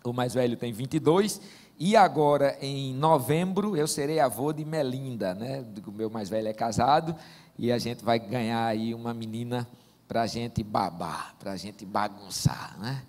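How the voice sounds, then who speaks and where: A man's voice: mid-range voice, a little slow. Preacher guy, 40s, folksy storytelling sermon, big echoey church hall. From Northeast Brazil. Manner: warm joking storyteller, folksy asides. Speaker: pastor. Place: church sanctuary. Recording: long church-hall reverb.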